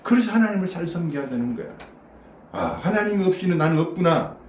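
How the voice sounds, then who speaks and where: In a small church room, a male pastor delivers a casual sermon to a small congregation, chatting, questioning listeners and laughing often. His voice is slightly high and a little mellow, quick with lively intonation. A distant mic gives a roomy echo and faint background noise.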